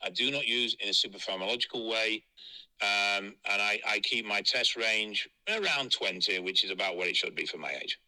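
A man's voice: fairly low pitch, brisk, pushed and bright. A man speaking bluntly and frankly as an interviewee, heard over a phone line. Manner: blunt, frank and matter-of-fact.

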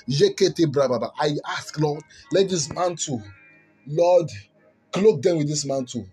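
A man's voice: fairly high pitch, measured pace. A man preaching as a commanding faith healer, praying and prophesying fervently with repeated phrases and bursts of speaking in tongues. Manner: forceful, commanding faith healer casting out spirits; repetitive, fervent incantatory phrasing. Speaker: preacher and prophetic minister leading prayer. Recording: music under the voice. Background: background music.

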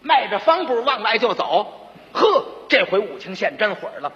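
A man with a Beijing accent telling a traditional story in a lively, punchy way with chuckles. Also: sits high, moderate pace. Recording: dull lo-fi recording with long reverb.

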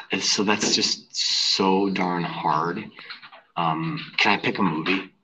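A teacher talking casually as a podcast guest, rambling with lots of fillers and laughing easily, heard over headphones on an online call. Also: male voice, sits low, steady tone, takes it slowly, bright, forceful tone, rough recording. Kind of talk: casual chat.

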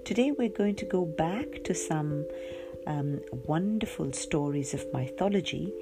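A woman's voice: low voice, expressive, a little slow, music in the background. A woman hosting a story show for children, reading and chatting in a cheery, affectionate way as she addresses young listeners.

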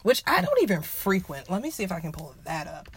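A woman co-hosting a podcast in casual chat, slightly hoarse from a cold, playful and laughing often. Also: fairly low pitch, big pitch swings, fairly quick, fairly bright tone. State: hoarse, getting over a cold. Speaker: podcast co-host.

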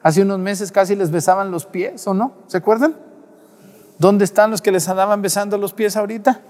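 A man's voice: sits high, steady tone, a little fast, a little mellow, big-room sound. A man preaching a sermon at mass, scolding the congregation directly with rhetorical questions. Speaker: priest. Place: church.

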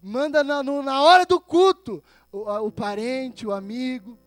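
A man pastor preaching a sermon with a Brazilian Portuguese accent, swinging between loud, emphatic passages and hushed asides. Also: extremely high pitch, unhurried, no room sound.

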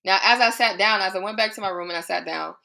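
A woman hosting a faith podcast, speaking in a conversational, animated way about her struggles and God. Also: medium pitch, quick pace, gravelly. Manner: conversational, animated, preachy asides. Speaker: podcast host. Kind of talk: faith-based personal reflection.

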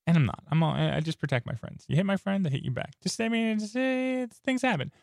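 A man's voice: sits high, expressive, fast talker, creaky, darkish tone, no room sound, clean studio sound. A man hosting a podcast, telling rambling, joking stories in a casual chat. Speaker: podcast host.

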